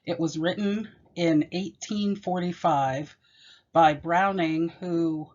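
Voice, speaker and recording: A woman giving a measured, explanatory poetry lesson and reading the poem aloud. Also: on the low side, steady tone, darkish tone. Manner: measured, explanatory, with occasional self-corrections. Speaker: teacher. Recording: dull, lo-fi.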